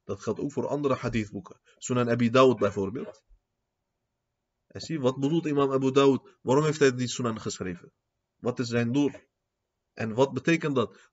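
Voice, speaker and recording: A man teaching a religious lecture in Dutch. He mixes in Arabic terms, uses non-native grammar, and keeps asking rhetorical questions. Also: mid-range voice. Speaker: Islamic teacher giving a lecture. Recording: dull lo-fi lecture recording.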